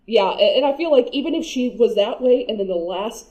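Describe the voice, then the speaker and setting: A woman talks through a casual podcast chat with a mellow, warm tone. Her voice sits fairly high. She restarts often, laughs easily and swears casually. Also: animated, fairly quick, dull audio. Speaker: podcast co-host. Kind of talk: casual chat reviewing an anime.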